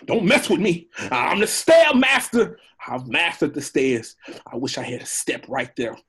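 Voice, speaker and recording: A man voicing a talkative, cowardly donkey in a read of an animated film script, with a husky voice and a jittery, rambling, wheedling manner. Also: a little high, unhurried, full character voice. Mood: cocky.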